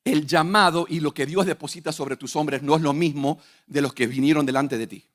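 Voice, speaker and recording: A young man with a high, light voice preaches a sermon. He talks emphatically and keeps throwing rhetorical questions at his listeners. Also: fairly quick.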